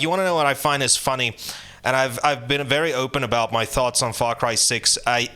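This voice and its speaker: A man rambles through an offhand opinion piece, his voice bright and forceful, full of restarts and salty language. Faint music sits under his talk. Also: mid-range voice. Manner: rambling, many restarts and fillers, blunt and profane. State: hiccuping. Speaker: gaming channel host. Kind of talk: casual rambling game commentary.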